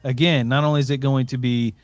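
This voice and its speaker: A man's voice: medium pitch, fairly even intonation, quick pace, no echo. A man co-hosting a live stream from his computer, bantering and teasing his partner in chatty talk full of restarts. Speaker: co-host of a live stream show. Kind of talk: casual chat. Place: home computer setup.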